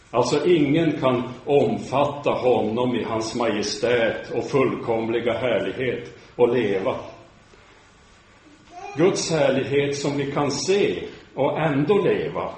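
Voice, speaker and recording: A man's voice: medium pitch, darkish tone. Solemn man preaching in echoey room. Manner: measured and solemn, with frequent restarts. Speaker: preacher giving a talk. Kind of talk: sermon lecture. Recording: very echoey room, faint background noise.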